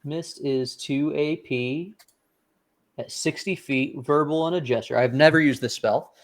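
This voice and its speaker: A man's voice: a little high, unhurried. Man chatting through a tabletop game. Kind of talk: casual table talk during a tabletop role-playing game.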